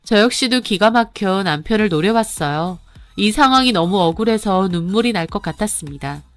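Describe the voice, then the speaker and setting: A woman narrating a dramatic radio story in the first person, telling it in an expressive, confiding way. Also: mid-range voice, brisk, no room sound, soft background music.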